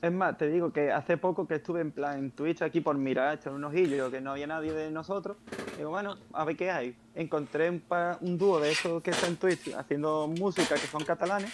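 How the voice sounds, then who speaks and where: Explaining man, fairly high voice. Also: fairly quick, noisy background. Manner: explains things at length with examples. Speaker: stream guest. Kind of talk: casual stream chat.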